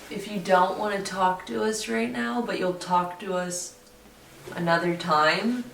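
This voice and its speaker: A woman's voice: medium pitch, measured pace, vocal fry, fairly bright tone. A woman talking casually as she investigates the paranormal for a vlog, speaking in an incredulous, informal way. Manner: swears in disbelief. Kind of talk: casual ghost-hunt vlog chat. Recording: roomy, distant mic, faint noise.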